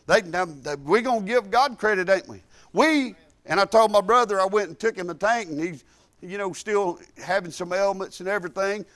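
A man's voice: sits high, normal speed, a bit bright. A middle-aged man giving a fervent, folksy church testimony, peppering his talk with hallelujahs. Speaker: church speaker. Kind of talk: sermon testimony.

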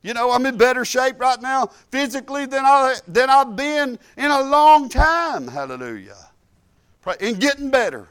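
A man's voice: very high voice, animated, normal speed, fairly bright tone, smooth. A middle-aged man giving a fervent, folksy church testimony, peppering his talk with hallelujahs. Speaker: church speaker. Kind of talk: sermon testimony.

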